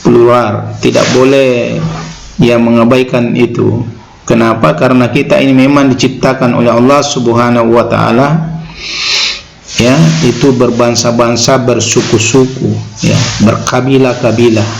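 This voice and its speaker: A man giving an Islamic teaching talk in an unhurried way. He tags his points with a short "ya" and recites Arabic verses slowly. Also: medium pitch, flat delivery, vocal fry, slight background noise, rough recording. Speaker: religious lecturer.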